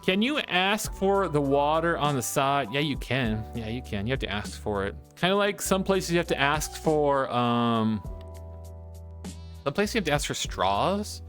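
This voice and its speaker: A man's voice: on the high side, expressive, unhurried, a bit bright, soft background music. A man chatting casually on a live stream, reading chat and giggling often as he rambles.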